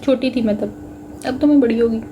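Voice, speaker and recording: A woman's voice: on the high side, fairly quick, lo-fi sound, slight background noise. A young woman with a Punjabi accent, chatting and joking with viewers on a casual livestream. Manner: chatty, joking and self-mocking, mixing Punjabi into Hindi. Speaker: livestream host.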